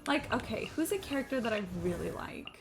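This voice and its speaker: With game music behind her, a woman streams a game live and chats in a rambling, sweary, self-deprecating way. Her voice is high-pitched, sing-song and fast.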